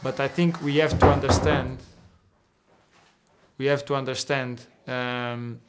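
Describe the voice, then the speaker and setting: A man's voice: mid-range voice, steady tone, unhurried. Young man, Portuguese native speaker, footballer guest, earnest, restarts words, video call, indoor. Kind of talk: interview answers. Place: indoor locker room.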